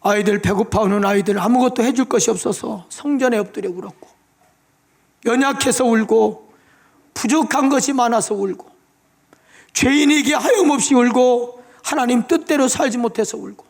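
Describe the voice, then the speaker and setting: A man's voice: very high-pitched, fairly quick, vocal fry, a little mellow. A male pastor preaching in a church, giving an emotional testimony with pleading prayers. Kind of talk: sermon. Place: church sanctuary.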